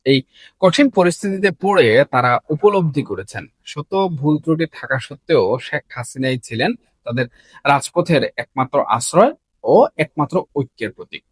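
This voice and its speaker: A man, hosting a solo political commentary in an earnest, measured way and often asking rhetorical questions. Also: on the high side, animated, slightly rough, no room sound. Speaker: political commentator, channel host.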